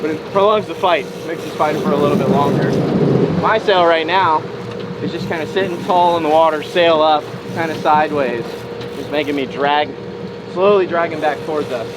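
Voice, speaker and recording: A man's voice: on the high side, moderate pace. A man hosting a fishing show, talking casually to camera in an enthusiastic, exclamatory way out on a boat. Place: outdoors on a boat at sea. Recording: very noisy outdoor boat, wind and motor.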